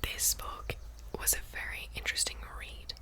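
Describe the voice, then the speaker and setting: A woman whispering ASMR close to the mic in a casual book chat, breathy and unvoiced, softly repeating words and phrases. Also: moderate pace. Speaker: book review vlogger.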